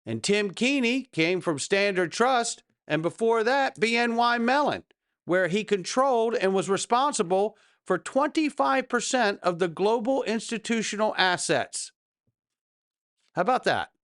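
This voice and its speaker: A man with a fairly high, very clean and resonant voice delivers market commentary as a crypto bro host. He is emphatic and salesy, often putting rhetorical questions straight to his audience. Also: animated, unhurried, a bit bright, dry recording, clean studio sound. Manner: crypto bro hype talk. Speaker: host of a cryptocurrency news show. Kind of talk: hype-driven market commentary to viewers.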